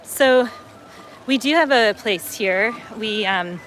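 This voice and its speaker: A chatty woman in her middle years, from upstate New York, talks in a slightly high voice as she strolls a lakeside promenade. She reads viewer comments aloud and chats casually. Faint outdoor noise sits under the voice. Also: animated, slow pace, fairly bright tone. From upstate New York, USA. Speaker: travel vlogger hosting a livestream. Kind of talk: casual livestream chat.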